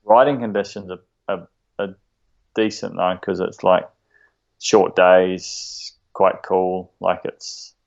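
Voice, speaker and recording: A low-voiced man with a broad Kiwi accent, creaky at the edges. He chats casually and haltingly as a podcast guest, slangy and laid-back, through slightly dull, lo-fi audio. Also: little pitch movement, a little mellow. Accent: broad New Zealand. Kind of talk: casual chat.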